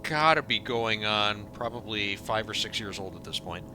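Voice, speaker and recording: A man chatting casually while streaming a game, animated and prone to swearing. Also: lowish voice, normal speed, faint music behind. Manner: animated, swears, laughs often. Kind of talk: casual gaming chat.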